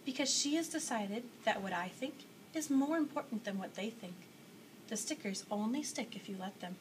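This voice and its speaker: A woman voicing a kindly, big bearded male woodcarver in a storybook, speaking with gentle, patient reassurance. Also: on the high side, lively intonation, moderate pace, noisy background, lightly acted. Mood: tender.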